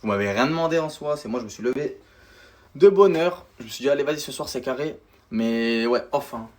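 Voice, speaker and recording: A man's voice: mid-range voice, a little fast. A young man talking casually into his vlog, slangy and rambling as he vents. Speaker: vlogger.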